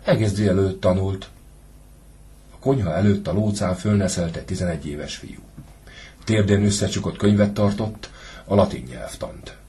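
A man narrating a classic short story for an audiobook, measured and even in delivery. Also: low-pitched. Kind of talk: scripted literary narration.

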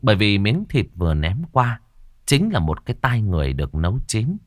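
A man narrating a horror story with suspenseful, expressive delivery. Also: lowish voice, a little fast, no echo, clean studio sound. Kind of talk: dramatic horror story reading.

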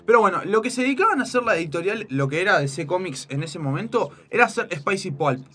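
A man's voice: high-pitched, lively intonation, quick pace, fairly bright tone, breathy edge. A man co-hosting a radio show, chatting loosely about comics with many restarts. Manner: rambling, many restarts and fillers.

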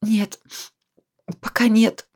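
A woman's voice: fairly high pitch, flat delivery, very slow, a little mellow, voice pushed up, exaggerated voice. A woman reading a storybook voices a drunk, despairing 42-year-old woman who whines and pleads. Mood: tearful. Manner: whiny, pleading, self-pitying.

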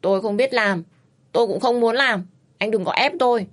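A woman voicing a fiery, stubborn young woman who speaks in high, shrill outbursts and pleads loudly. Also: normal speed, close to an everyday voice. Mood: defiant.

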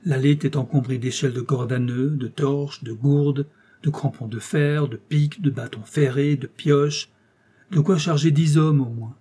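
A man narrating a classic novel as an audiobook, measured and expressive storytelling. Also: mid-range voice, husky.

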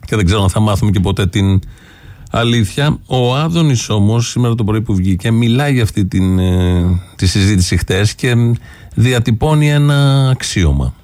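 A man's voice: fairly low pitch, expressive, a little mellow, no room sound. A man hosting a radio political commentary show, sarcastic, listing his points one by one. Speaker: radio host.

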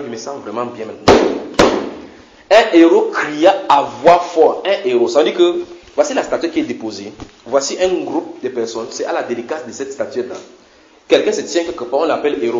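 A man's voice: mid-range voice, reverberant, dull audio, slight background noise. A man preaching a sermon in a church, teaching animatedly with frequent repetitions and questions to the congregation. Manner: animated, repeats words, asks the congregation questions.

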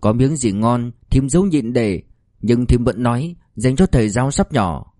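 A man narrating an audiobook in a steady storytelling manner, shifting into character voices. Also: mid-range voice, normal speed, dry recording, studio quality.

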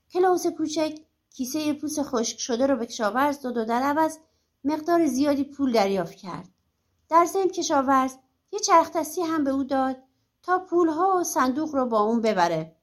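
A woman narrating folk tales for an audiobook in a lively, animated storytelling manner. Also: high-pitched.

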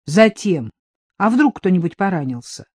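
A woman's voice: on the low side, big pitch swings, normal speed, darkish tone, breathy edge, no room sound, studio quality. A woman reading the part of a cautious, practical grown man who explains things earnestly.

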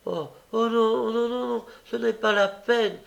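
A man voicing a sly young woman pickpocket who fakes loud, shrill distress in a storybook reading. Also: fairly even intonation, measured pace, creaky, muffled recording, heavily acted. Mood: wailing. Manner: wailing, shrill, overacted distress.

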